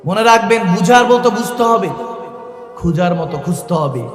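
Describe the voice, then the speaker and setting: A man preaching a rousing sermon to a large gathering, often shouting to the crowd over a PA system. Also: high voice. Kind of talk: Islamic sermon at a religious gathering. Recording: echoey hall-like reverb over a PA, faint music.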